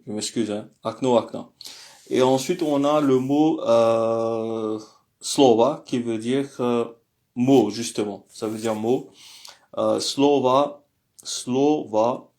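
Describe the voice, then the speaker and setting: A man teaching a language lesson in a hesitant way, with many fillers and slow, careful pronunciation drills. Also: mid-range voice, fairly even intonation, a little mellow.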